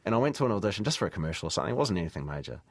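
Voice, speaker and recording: Fast-talking New man telling anecdotes. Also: low-pitched, very animated, dry recording. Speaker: actor being interviewed. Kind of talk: casual anecdote in an interview.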